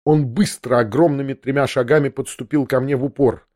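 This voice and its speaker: A man's voice: mid-range voice, steady tone, a little fast, darkish tone, no echo, clean studio sound. Man narrating a tense first-person story. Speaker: audiobook narrator.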